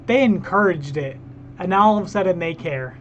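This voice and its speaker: A man's voice: sits high, expressive, brisk, lo-fi sound. A man hosting a reaction video, ranting heatedly and talking straight to his viewers. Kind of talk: casual reaction commentary.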